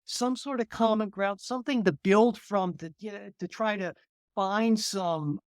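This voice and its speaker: A man's voice: high-pitched, unhurried, no room sound, studio quality. Earnest male teacher-podcaster. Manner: earnest, reflective, repeats words as he thinks. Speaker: podcast host and political science teacher. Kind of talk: interview answers.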